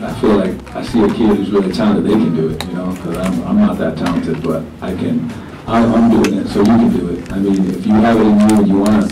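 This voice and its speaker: A New Zealand man in his thirties who sings in a reggae band answers panel questions, relaxed and rambling with lots of fillers. His voice is low, and he speaks into a table mic in a meeting room; the mic is distant, the sound roomy and the audio poor.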